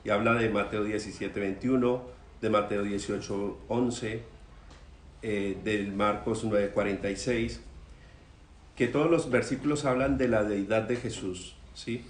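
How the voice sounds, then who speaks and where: A man's voice: on the low side, fairly even intonation, unhurried, a little hiss or hum. A man earnestly sharing news in a church Bible study discussion, often stumbling and repeating words. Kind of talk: group discussion. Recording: roomy recording.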